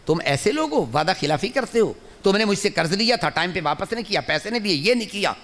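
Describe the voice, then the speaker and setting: Indignant man demanding his debt back, high voice, in a sermon retelling, put on by a male preacher. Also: animated, a bit bright. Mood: accusing. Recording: long hall reverb.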